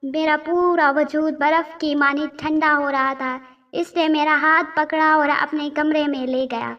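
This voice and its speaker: A woman's voice: sits high, flat delivery, distant mic, muffled recording. A woman telling a first-person story as a storyteller, emotional, with quoted dialogue.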